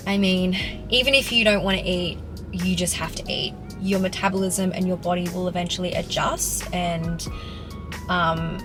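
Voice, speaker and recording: An Australian fitness vlogger in her twenties answers viewer questions in a casual Q&A to camera, her mid-range voice chatty and peppered with "like." Background music plays underneath.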